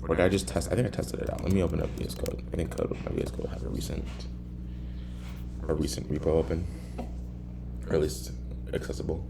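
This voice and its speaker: Far-from-mic man, very low creaky voice. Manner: halting, muttering to himself, wandering off on tangents. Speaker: programmer recording himself working. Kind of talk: casual think-aloud coding vlog. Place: echoey apartment room. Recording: far-off echoey room, clearly noisy.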